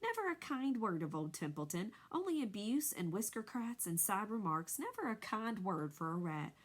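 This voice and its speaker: A woman's voice: mid-range voice, very animated, normal speed. Woman voicing a sneering lazy rat. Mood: sarcastic. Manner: sneering and mocking. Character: grumpy, lazy, sarcastic male rat. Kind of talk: storybook read-aloud.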